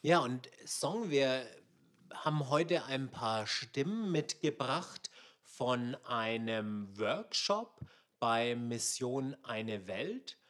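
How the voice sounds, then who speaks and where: A man's voice: medium pitch, a bit bright. A man hosting a radio discussion, thinking aloud in a questioning way with some fillers. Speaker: radio show host.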